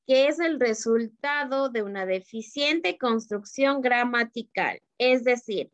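A woman's voice: fairly high pitch, a bit bright, no room sound. A woman teacher giving an online literature lesson, explaining terms step by step and often checking in with her students. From Ecuador.

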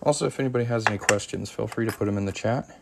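A man with a fairly low, gravelly voice talks very fast while streaming live from his workshop, where he makes coin rings. He chats casually, shows his craft work and responds to viewer comments. The stream is noisy, with sanding, clicks and other tool sounds behind him.

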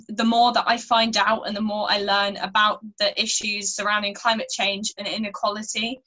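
Teen girl giving a church talk, earnest, crisp bright voice, webcam in a small room. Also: medium pitch, rough recording. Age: teenager. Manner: earnest, articulate, steady. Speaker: youth climate activist. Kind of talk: recorded church talk to camera.

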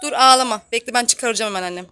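A woman's voice: on the high side, very fast, sharp tone, smooth. A woman voicing a mother in a toy role-play, talking in a coaxing, affectionate way and repeating her soothing words. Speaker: toy video host.

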